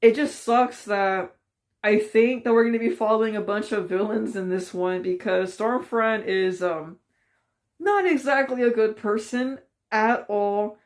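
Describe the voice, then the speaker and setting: A woman talks straight to her viewers in a loose, unscripted opinion piece. She rambles and restarts, sounding frustrated. Her voice sits at an ordinary middle pitch. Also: measured pace. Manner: ranting, frustrated, rambling with fillers. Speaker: vlogger. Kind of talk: casual opinion commentary.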